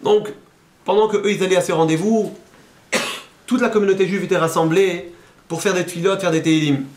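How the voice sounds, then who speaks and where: A man, a rabbi, giving a sermon and telling a story with lively, animated delivery. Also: brisk, echoey room. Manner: animated storyteller, voices quoted speakers, rises high at emotional peaks.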